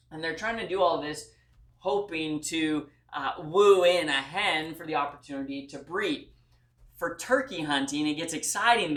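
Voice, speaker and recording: A man's voice: a little high, fairly bright tone. A man giving a class presentation speech in a folksy, earnest way and speaking straight to his audience. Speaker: student speaker. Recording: echoey room.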